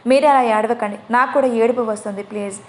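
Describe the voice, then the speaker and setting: A woman voicing a soft-spoken, tearful young wife, in a spoken storybook. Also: fairly high pitch, fairly even intonation, quick pace, lightly acted. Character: tender young wife, a sorrowful sister-in-law.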